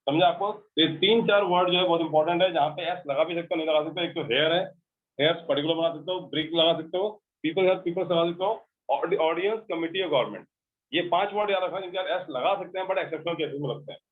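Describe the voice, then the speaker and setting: A male teacher with an Indian English accent gives a grammar lecture in a slightly high voice, going over each point again and again and checking that the class understands. The recording is thin and narrow, like it came through a phone line. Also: fast talker. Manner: repetitive, explanatory, checks understanding.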